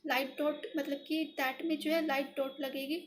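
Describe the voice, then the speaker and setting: A woman's voice: high-pitched, level tone, moderate pace, a little hiss or hum. A woman teaching shorthand step by step, patient and repetitive, talking aloud as she writes, with English words in an Indian accent. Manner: repetitive, patient, thinking aloud while writing. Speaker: shorthand tutor. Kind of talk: step-by-step tutorial explanation.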